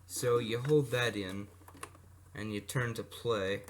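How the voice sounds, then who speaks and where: With a lowish voice, steady tone, and slow delivery, a hobbyist presenter walks through vintage electronics in an unscripted, casual demo. He drifts into asides and self-corrections, and the noisy amateur recording has clicks.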